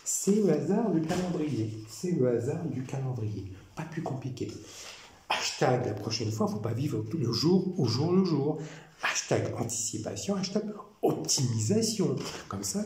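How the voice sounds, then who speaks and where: Rambling man in an echoey room. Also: on the high side. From France. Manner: rambling, repetitive, animated. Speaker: vlogger. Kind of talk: casual monologue. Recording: echoey room with faint noise.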